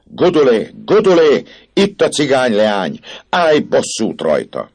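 A man's voice: very deep voice, huge pitch swings, gravelly, darkish tone, slightly rough, exaggerated voice. A man voicing an obsessed older priest who raves, pleads and threatens in a storybook reading. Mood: shouting. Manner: raving, pleading then menacing.

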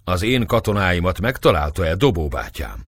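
A man's voice: deep voice, very animated, full character voice. A man voicing a wounded young soldier who talks in an eager, respectful way. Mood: earnest. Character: wounded young male soldier, earnest and proud.

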